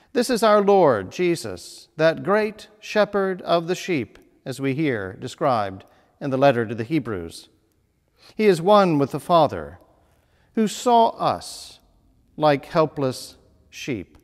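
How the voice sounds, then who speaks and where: Man in his thirties, priest, slightly high voice, animated sermon delivery, echoing church hall. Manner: measured, lively preaching with emphatic phrasing. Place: small church chapel with stone wall. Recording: long reverb of a church hall.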